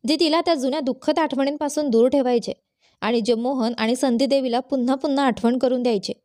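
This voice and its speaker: Woman narrator for a moral story: steady, fairly high, mellow, dry close mic. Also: brisk, dry recording.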